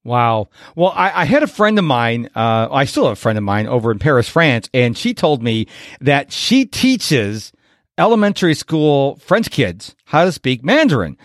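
A man hosting a podcast, talking with energetic enthusiasm and lots of swing in his voice. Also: mid-range voice, normal speed, no room sound, clean studio sound. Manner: energetic, animated, enthusiastic delivery. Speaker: podcast host. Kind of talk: upbeat podcast interview.

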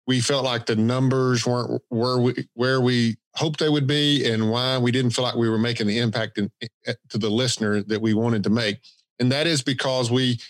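A man's voice: mid-range voice, no room sound. A man with a thick Southern accent from Georgia, co-hosting a podcast in a casual, folksy, self-deprecating way. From Georgia, United States. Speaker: podcast co-host. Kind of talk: casual conversational podcast talk.

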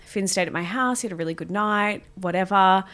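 A woman's voice: medium pitch, brisk, a bit bright. A young woman, co-hosting a podcast and telling a story in casual chat, swearing freely and laughing often. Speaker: podcast co-host.

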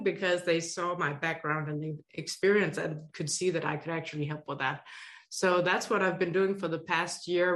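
With a lowish, fairly bright voice, a middle-aged education consultant from Denmark speaks in a Danish accent as a podcast guest. She earnestly describes her work during the interview.

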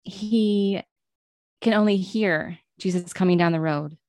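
A woman's voice: medium pitch, measured pace, a little mellow, no echo. A woman talking earnestly about prayer and scripture, asking many questions and using "like" often. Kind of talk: reflective Bible teaching chat.

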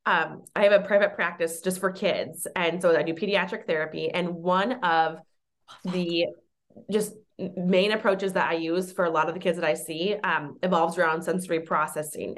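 A woman who works as a children's therapist, a podcast guest talking in a chatty, animated way with many fillers. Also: lowish voice. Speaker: pediatric occupational therapist guest. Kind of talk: casual podcast conversation.

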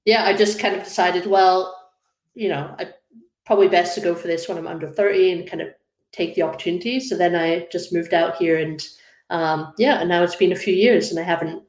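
A woman's voice: on the low side, fairly even intonation, brisk, darkish tone, reverberant. A Scottish woman in her thirties, a graphic designer chatting casually as an interview guest, with plenty of ums and easy laughter. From Scotland.

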